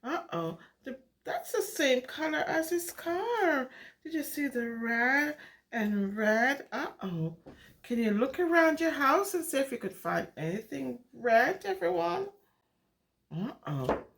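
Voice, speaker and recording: In an animated read-aloud for young children, a female storyteller uses a high, slightly bright voice with some creak. She goes slowly, and her singsong, exclamatory tone swings dramatically in pitch as she poses questions to the kids.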